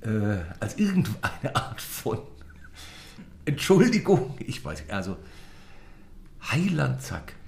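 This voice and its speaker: A man in casual chat who pauses often and restarts his sentences. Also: mid-range voice, big pitch swings, gravelly, darkish tone. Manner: hesitant, many fillers and restarts.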